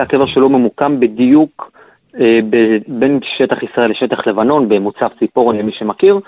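A man's voice: mid-range voice, no room sound. A man with an Israeli accent giving a live radio report as a news reporter. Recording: narrow-band phone line on radio.

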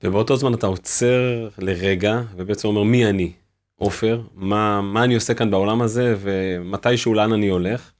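A male interviewer with a lowish voice asks reflective questions and responds with emotion to his guest's stories. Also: steady tone.

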